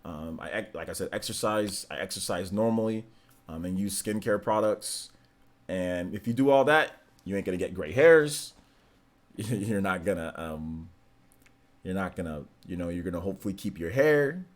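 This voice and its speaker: A man in his forties hosts a relaxed livestream and chats with viewers in a rambling, slangy, joking way. His voice sits on the low side. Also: moderate pace. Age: 40s. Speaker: streamer host. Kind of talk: casual livestream chat reading viewer messages.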